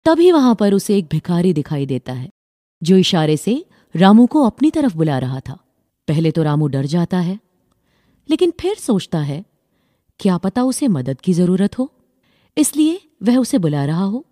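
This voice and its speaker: Reading a scripted bedtime story for children, a woman uses a mellow, mid-pitched voice with lively intonation. She goes a little slowly, and the recording is dry and close-miked.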